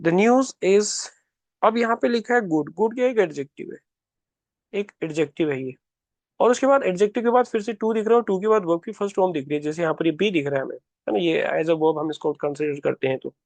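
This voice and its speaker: Man, high voice, patient exam-prep grammar teacher, dry close recording. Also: darkish tone, no echo. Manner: explanatory, repeats key words, reads example sentences slowly. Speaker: English teacher.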